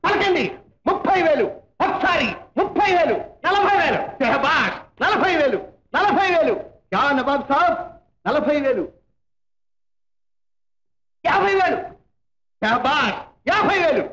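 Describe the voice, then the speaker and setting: An actor playing a loud, flattering male auctioneer who calls out bids and urges buyers on, in old film dialogue. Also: very high voice, unhurried, pauses often, reverberant, full character voice, poor audio. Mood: hawking.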